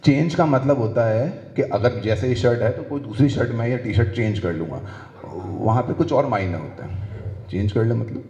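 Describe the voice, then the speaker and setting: A man's voice: mid-range voice, animated, dark tone. Brief: male stand-up comic, Pakistani Urdu accent, crude storytelling, roomy hall reverb. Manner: crude, acts out dialogue in quick voices. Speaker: stand-up comedian. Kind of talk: stand-up comedy set. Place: live comedy venue.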